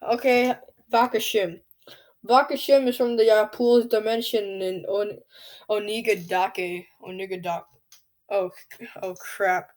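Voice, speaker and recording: Slow-talking woman rambling over monster fights. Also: medium pitch, steady tone, a little mellow. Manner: rambling, stumbling over names and restarting; off-the-cuff asides and self-corrections. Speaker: channel host. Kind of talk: casual commentary on a monster battle video.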